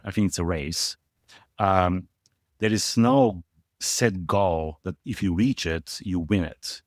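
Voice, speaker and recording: A low-voiced, middle-aged man from Bulgaria, guesting in a conversational interview as a portfolio manager, speaks with a Bulgarian accent. He's emphatic, repeating words for stress, in a clean studio recording with no room sound.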